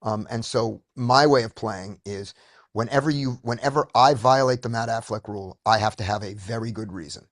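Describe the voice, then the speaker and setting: A man's voice: fairly low pitch, moderate pace, no room sound. Male study-group coach on a video call, dry sound, explains step by step. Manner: upbeat, explains step by step with frequent restarts. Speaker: poker study group leader. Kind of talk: casual teaching discussion.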